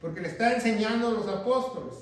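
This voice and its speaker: A male pastor teaching a Bible class speaks fast in a high register, repeatedly posing questions to his listeners and answering them himself. The room is echoey and the mic sits far away.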